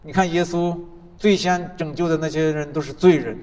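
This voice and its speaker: A man preaching a sermon as pastor, building points through rhythmic repetition and dropping from loud declarations to soft, low asides. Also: steady tone, normal speed. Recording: long reverb of a large hall.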